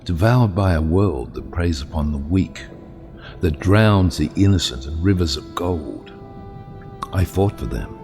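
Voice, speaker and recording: Captain Nemo, deep, brooding and slow. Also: male voice, lively intonation, darkish tone, soft background music. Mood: bitter, haunted. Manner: grandiose, solemn, deliberate. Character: brooding, embittered, commanding male submarine captain. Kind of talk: cinematic audio drama acting.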